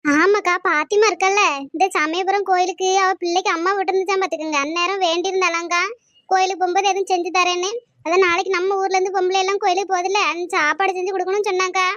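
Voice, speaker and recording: A woman's voice: very high-pitched, fairly even intonation, very fast, a bit bright, no echo, lo-fi sound. A woman voicing a chatty young village woman in a cartoon. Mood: eager. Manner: eager, chatty, listing details. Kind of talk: cartoon voice acting.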